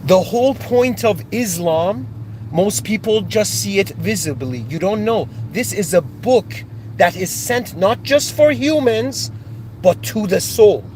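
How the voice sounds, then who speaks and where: A man's voice: high voice, animated, measured pace, darkish tone, a little hiss or hum. A man born in Iran and raised in Canada, giving an impassioned, searching spiritual monologue with many restarts and rising outbursts. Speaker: spiritual speaker.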